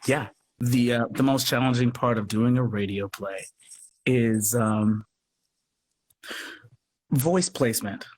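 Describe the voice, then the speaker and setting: Slow and a little mellow, with long pauses, this medium-pitched male voice comes through a noisy livestream call. The radio play producer is an interview guest who talks casually, earnestly and effusively, often going back over his words.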